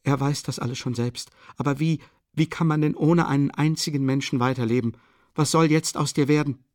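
A desperate young woman pleads fervently, as a male audiobook reader raises his voice high to play her. Her voice climbs high and loud, urgent and trembling. The recording is close and dry. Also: steady tone, a little fast, no room sound, lightly acted. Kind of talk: audiobook reading.

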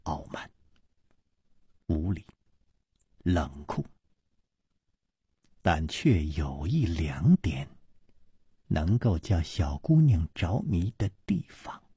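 Man doing a haughty young woman, icy, clipped, half-whispered, husky, dry close sound. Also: a little high, big pitch swings, a little slow, darkish tone, no room sound, pitched above the performer's own voice, exaggerated voice. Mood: cold. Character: cold, haughty young woman from a secret palace.

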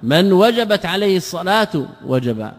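A man's voice: high-pitched, very animated, normal speed. A man, a sheikh, giving a classroom lesson, explaining points by asking and answering his own questions. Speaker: sheikh teaching a text. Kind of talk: classroom lesson on creed and grammar. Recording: long hall reverb.

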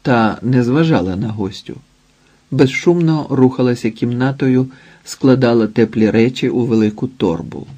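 Husky, mellow male audiobook narrator. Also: mid-range voice, normal speed. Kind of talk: scripted narration.

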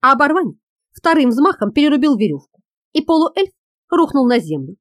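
A woman narrating an audiobook in a lively, expressive reading. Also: high voice, fairly quick, dry recording, studio quality.

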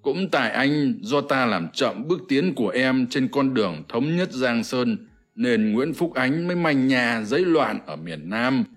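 A man's voice: medium pitch, animated, a little slow. A man voicing an elderly king who mourns his younger brother in a wailing lament, in an audiobook. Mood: grieving. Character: grieving elder king, old man, emotional.

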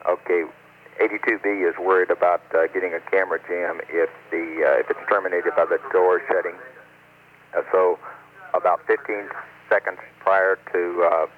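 Deep-voiced man over crackly space radio. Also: little pitch movement. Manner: brisk, reads out numbers. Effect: crackly noisy space radio link. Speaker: mission control radio operator. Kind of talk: mission radio communication. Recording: noisy tinny radio transmission.

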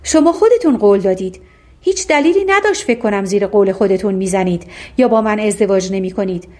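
A woman's voice: mid-range voice, expressive, a little mellow, lightly acted. A woman reading as a proud, clever but ugly fairy-tale suitor who speaks steadily and insists on a promise. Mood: assured.

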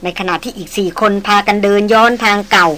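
A woman narrating a novel in a steady, expressive storytelling voice. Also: medium pitch, quick pace. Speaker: audiobook narrator. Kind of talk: novel reading.

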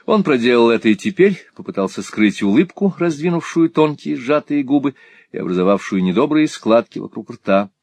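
Male audiobook narrator, measured delivery, mid-pitched, dry recording. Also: expressive, a little mellow, dry recording.

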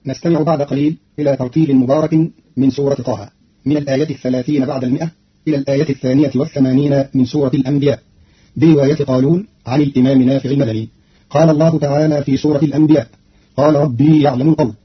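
A man explains in a formal, precise radio-announcer manner, speaking quickly in a very husky, raspy voice. His pitch sits a little high, and the recording is muffled like an old radio broadcast. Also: fairly even intonation. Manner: precise, formal delivery, slowing to quote verses.

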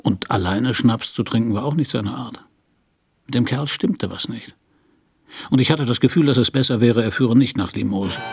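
In a hardboiled radio crime play, a man serves as narrator and lead actor, playing a world-weary private detective recounting his case. His husky, gravelly, mid-range voice moves at normal speed, dry and laconic, with a wry, brooding mood.

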